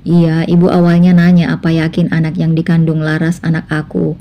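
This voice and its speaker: A woman's voice: low-pitched, monotone, normal speed, highs cut off, slight background noise. A woman voicing a self-assured adult husband in a spoken family drama story, in a casual tone.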